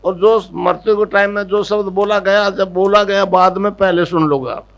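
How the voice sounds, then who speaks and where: An older man gives a spiritual discourse to a live audience as a guru, speaking in a high voice with fairly even intonation at a moderate pace. He often checks rhetorically that listeners follow and demonstrates a repetitive chant, and the sound is lo-fi.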